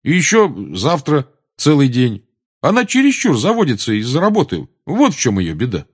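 A man reading aloud and voicing an eager, excitable teenage schoolboy wizard. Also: mid-range voice, moderate pace, slightly rough, pitched above the performer's own voice.

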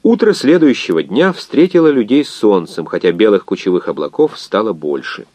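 Male audiobook narrator, low voice, lively intonation, dry close mic. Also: no room sound. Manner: expressive, measured storytelling.

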